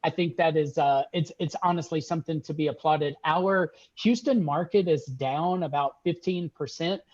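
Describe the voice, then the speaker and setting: Man, fairly high voice, upbeat, praising, business video call, muffled lo-fi audio. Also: a little mellow. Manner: upbeat, praising, fills with uh and restarts. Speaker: regional sales manager.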